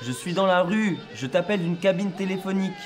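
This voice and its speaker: A man's voice: high-pitched, animated, fairly quick. A man playing a father making an urgent payphone call to his son in an audio drama, speaking up over the street. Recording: noisy street with loud celebrating crowd.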